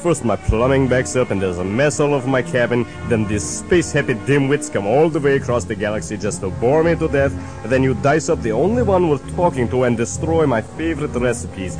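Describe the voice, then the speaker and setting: Casting: man to play sardonic, grandiose space villain for comic parody, mid-pitched, music underneath. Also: animated, brisk, hardly any pauses, lightly acted. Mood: exasperated. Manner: melodramatic, sardonic. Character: cranky, mad scientist villain commanding a spaceship. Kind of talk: comic audio parody of a science fiction film.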